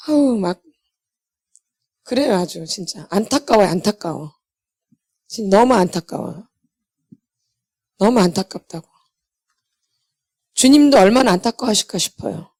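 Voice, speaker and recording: A middle-aged woman preaching a sermon in an emphatic, blunt manner. She asks the audience questions and answers them herself, and she often repeats herself. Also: medium pitch. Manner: blunt and self-deprecating. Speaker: pastor's wife and healing ministry lecturer.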